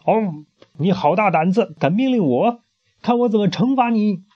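A man voicing a haughty, spoiled and childish queen who squeals orders in a high voice. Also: big pitch swings, normal speed, husky, exaggerated voice. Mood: bossy shrill. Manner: shrill, bossy, squealing. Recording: muffled lo-fi home recording.

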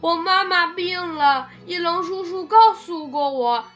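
A timid little crybaby dinosaur boy, as a woman puts him on for a storybook reading, very high and childlike, with a bright, ringing tone. Soft music plays faintly behind. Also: unhurried. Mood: sad, curious. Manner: tearful, pleading, childlike. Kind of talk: picture-book read-aloud.

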